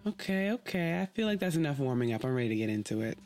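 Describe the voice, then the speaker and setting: A woman hosting her own podcast tells the story with a dry, playful wit. Her delivery is relaxed and conversational. Faint music plays under her voice. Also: sits low, quick pace. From United States. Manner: wry, conversational. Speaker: podcast host and narrator. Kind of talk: storytelling narration.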